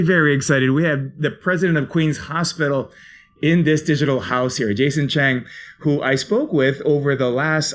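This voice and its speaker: Rambly guy hosting a stream from his home office, casual chat over a computer mic. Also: mid-range voice. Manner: chatty, rambling, laughs often. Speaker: live stream host.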